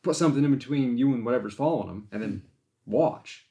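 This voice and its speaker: A man's voice: mid-range voice, fast talker, mellow. A man hosting a casual podcast, retelling a hunt in a rambling way, often restarting and acting out his own thoughts. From Maine. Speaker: podcast host and deer hunter. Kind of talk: casual storytelling chat.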